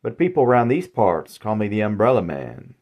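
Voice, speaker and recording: A man's voice: fairly low pitch, huge pitch swings, normal speed, darkish tone. A man voicing an old male umbrella salesman who is polite and sinister, with courtly, folksy, old-fashioned phrasing.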